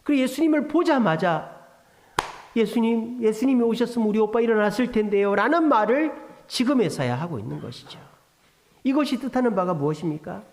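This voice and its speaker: Man, pastor, sermon, higher voice, very lively pitch, rhetorical questions. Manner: animated, with rhetorical questions and acted quotes.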